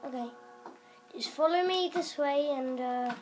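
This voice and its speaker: A gaming video maker who sounds young speaks at a measured pace in a high-pitched voice, improvising rambling, exclamation-filled role-play commentary on a game. It's recorded at home by a camera pointed at the TV, with game music in the background.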